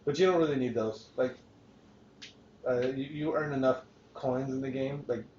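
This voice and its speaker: A man's voice: medium pitch, fairly even intonation, moderate pace, darkish tone, a little hiss or hum. Male podcast host, casual and profane, roomy lo-fi sound. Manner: rambling, swears freely, frequent restarts. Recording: roomy, dull lo-fi podcast recording.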